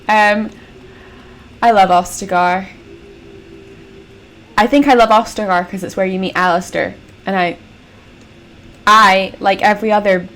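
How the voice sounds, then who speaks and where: A woman's voice: mid-range voice, fairly bright tone. Chatty British woman playing a game. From United Kingdom. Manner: chatty, jokey, swears casually. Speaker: gaming channel host. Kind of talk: casual let's-play commentary.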